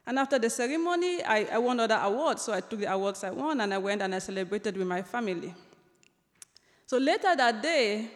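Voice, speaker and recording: A young woman, an author telling a personal story on stage, with light humor and many ums and restarts. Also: mid-range voice. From Cameroon. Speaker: author giving a talk. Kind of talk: storytelling lecture. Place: large lecture hall. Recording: long reverb of a large hall.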